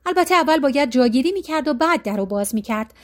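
A woman reading a novel aloud with even, measured narration. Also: high voice. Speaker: audiobook narrator. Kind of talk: scripted narration.

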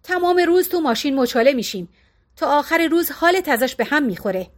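A woman's voice: high voice, lively intonation. A woman voicing a curt, matter-of-fact middle-aged husband in an audiobook. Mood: teasing. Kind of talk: audiobook character reading.

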